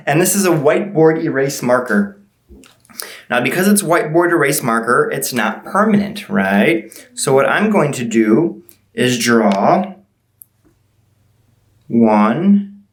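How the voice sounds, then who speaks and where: A woman with a low-pitched voice plays to children as a party magician. She teases playfully and coaxes them along with questions in magic show patter. The sound is roomy and echoing.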